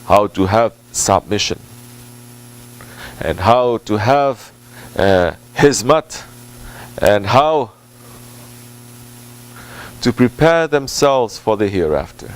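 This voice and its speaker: With a medium-pitched, expressive voice on a low-quality recording, a man speaks as a Sufi religious teacher answering a question in an informal sermon. He talks deliberately and haltingly, repeating for emphasis and mixing Arabic and Turkish devotional phrases into English.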